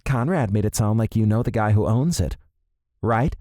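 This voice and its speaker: A frank, outspoken female assistant, voiced by a male narrator, in a lowish, mellow tone. The audiobook reading is dry and close, with no room sound. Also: lively intonation, normal speed, no echo, lightly acted. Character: brisk, blunt female personal assistant.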